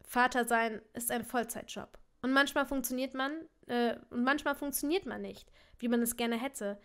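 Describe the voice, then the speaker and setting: A woman reading aloud, voicing a tired, brooding young father in a low, hushed voice with whispered turns. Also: normal speed, clear, resonant tone. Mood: troubled.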